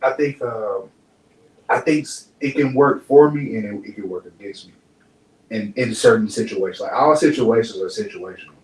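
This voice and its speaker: A young rapper from Dallas, Texas, guests on a podcast, talking in a relaxed, slangy way and looping through filler phrases. His voice is on the low side at a moderate pace. The room echoes, the mic is far away, and a faint hum runs underneath.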